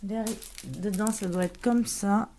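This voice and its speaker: A woman's voice: mid-range voice, steady tone, unhurried, dark tone, a little hiss or hum. A woman chatting casually as she unboxes and shows scrapbooking paper, with lots of fillers and restarts. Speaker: scrapbooking vlogger.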